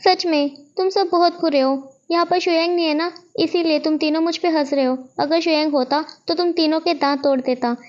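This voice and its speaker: A woman voicing a playful, boastful teenage schoolboy who whines and gets excited easily. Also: extremely high pitch, a little fast, lo-fi sound, voice pushed up. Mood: whiny boastful. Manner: whiny and excitable.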